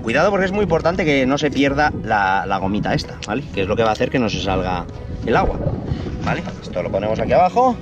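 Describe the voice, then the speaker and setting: A man in his forties with an accent from Spain, playfully presenting toys to children outdoors with drawn-out exclamations. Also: mid-range voice, big pitch swings. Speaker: host dad presenting toys with his kids. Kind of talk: playful toy unboxing and demo for children. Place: outdoors in a park. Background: music.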